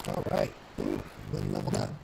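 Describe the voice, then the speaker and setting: A man's voice: fairly quick, mellow. A man streaming a game, chatting casually and thinking aloud with fillers, his voice coming through with a glitchy robotic metallic distortion. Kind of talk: casual live gameplay commentary. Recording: noisy, distorted stream audio.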